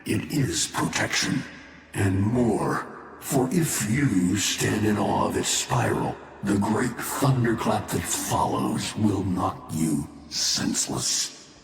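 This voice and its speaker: A male actor voices a bitter, ancient fallen warlord in a video game, his lowish, gravelly voice slow, animated, and heavily acted. Mocking and grandiose, he delivers theatrical, menacing lines in a grave, ominous mood. The recording has cavernous echoing reverb and faint ambient noise.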